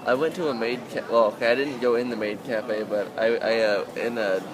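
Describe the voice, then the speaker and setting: A man's voice: mid-range voice, steady tone, a little fast, a crowd in the background. A man interviewing someone casually outdoors, talking in an informal, rambling way. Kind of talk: casual chat, swearing freely. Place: outdoors on a city street. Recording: noisy outdoor urban street with traffic.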